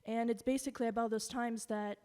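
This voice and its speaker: A young woman from Russia, talking on stage between songs in a halting way full of fillers, recorded in a hall. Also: a little high, fairly even intonation, a little mellow. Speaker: singer-songwriter performing. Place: live event in a hall. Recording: long hall reverb with guitar behind.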